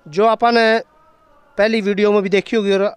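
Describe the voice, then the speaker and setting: This man hosts a used car channel and is filmed strolling a lot outside, handheld mic in hand, talking up prices, asking the dealer questions and keeping it chatty for a casual sales video. He speaks at a moderate pace in a high-pitched, level voice that is clear and resonant, with no room sound.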